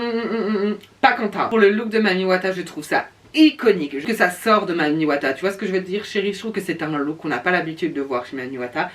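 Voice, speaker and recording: In casual reaction commentary reviewing show looks, a reviewer camps it up with drag-queen sass and stretches words to stress them. Medium pitch, fairly bright tone, distant microphone.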